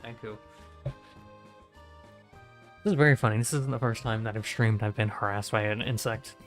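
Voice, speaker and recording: A man streaming a game, chatting casually in a flat, self-described monotone and reading dialogue aloud with stumbles. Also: lowish voice, normal speed, soft background music.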